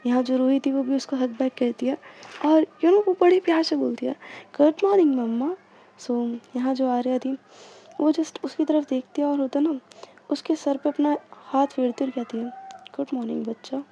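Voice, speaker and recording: A woman storyteller narrating an audio love story in a casual, chatty way, filling pauses with frequent fillers. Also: sits high, warm tone. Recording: muffled lo-fi recording.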